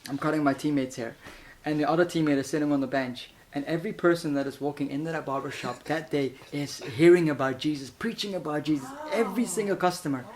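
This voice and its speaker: A man from Iran giving an animated, casual spoken testimony, laughing often and stumbling over repeated words. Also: fairly high pitch, fast talker, few pauses. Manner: animated, laughs often, acts out voices in quotes.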